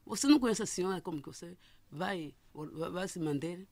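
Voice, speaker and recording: A middle-aged woman gives a personal testimony as a listener, halting and often restarting and repeating words. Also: on the low side, expressive, a little mellow, no echo. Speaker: listener telling her story.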